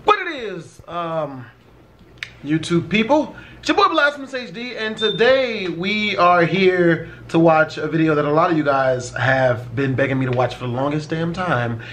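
A man's voice: fairly high pitch, lively intonation, normal speed, a bit bright, a little hiss or hum. A man hosting a casual reaction video, rambling and swearing freely as he talks. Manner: rambling, profane, easily set off. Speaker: YouTube reaction host.

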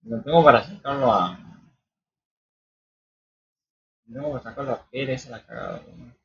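A man's voice: medium pitch, normal speed, gravelly, dull audio. A man with an Argentine accent casually commenting on his own football management game, reacting and swearing as he plays. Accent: Argentine Spanish. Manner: reactive and swearing, with sudden excited shouts. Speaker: gaming youtuber. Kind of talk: casual live gameplay commentary.

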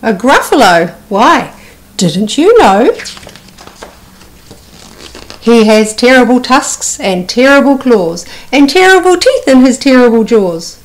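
A woman's voice: a little high, sing-song, takes it slowly, pauses often, low-quality recording. A woman voicing a small, polite but boastful mouse in a children's storybook. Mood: matter-of-fact boasting. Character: small, cheeky, confident brown mouse, polite trickster.

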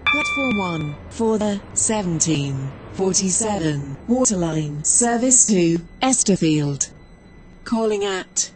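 A woman's voice giving automated platform announcements over a station public address system, reading station names in measured, evenly spaced phrases. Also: fairly low pitch, expressive, slight background noise. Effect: train station public address announcement.

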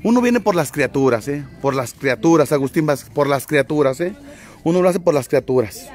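Jovial man, high voice. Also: expressive, brisk, darkish tone, faint music behind. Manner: jovial, greets viewers by name, teasing banter. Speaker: vlogger and livestream host. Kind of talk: casual livestream chat.

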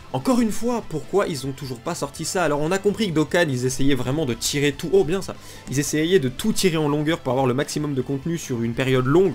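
His voice is on the high side with a darkish tone, and it sounds nasal and stuffed up because of a pollen allergy. A gaming video creator, he offers blunt, informal, unscripted griping over background music.

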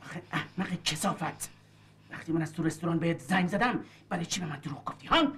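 A man's voice: fairly high pitch, expressive, a bit bright. A harsh, controlling man snaps orders with contempt. His voice leaps about as his anger flares. Faint noise sits behind the film dialogue. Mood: angry. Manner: angry, contemptuous, commanding.

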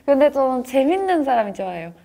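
Japanese-accented young woman speaking halting Korean. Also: high voice, sing-song, gravelly, mellow, slight background noise. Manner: halting, simple non-native phrasing. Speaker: interviewee in a reaction video. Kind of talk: casual chat.

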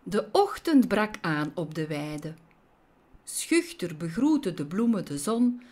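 A woman reads a children's story aloud in an expressive, storytelling manner. Her voice moves through a wide, lively melody, and she takes an unhurried, slow pace. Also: medium pitch.

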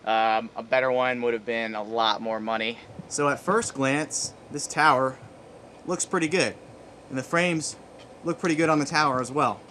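An American man in his thirties hosts a vlog outdoors on a sailboat in a boatyard, casually explaining things to camera. His voice is medium-pitched with fairly even intonation, a moderate pace, and a sharp tone, and the outdoor recording carries ambient noise.

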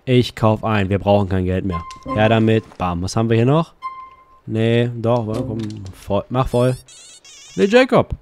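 A man with a fairly low voice hosts a let's play, unhurriedly giving casual, excitable gameplay commentary as music plays in the background. He swears and laughs at the game.

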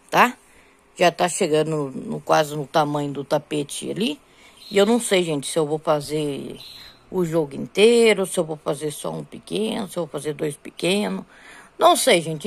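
A middle-aged woman from Brazil talks her viewers through her crochet work in a relaxed home vlog. Her voice sits low and has a gravelly fry, and she keeps turning to her audience with little check-ins as she counts rows aloud. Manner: chatty, repeats "gente" and "tá bom" constantly. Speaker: crochet vlogger. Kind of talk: casual crochet vlog chat.

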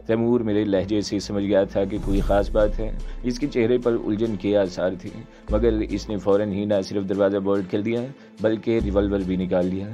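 Male novel narrator, low mellow voice, steady measured reading, dull lo-fi audio with faint music. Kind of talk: first-person novel narration.

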